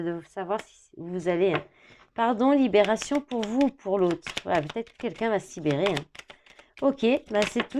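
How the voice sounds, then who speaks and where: Woman doing a tarot reading, talks it thru out loud, lots of little fillers, mid pitch, faint hiss behind. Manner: thinks out loud, reads card words, many "hein" and "bah". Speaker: tarot card reader.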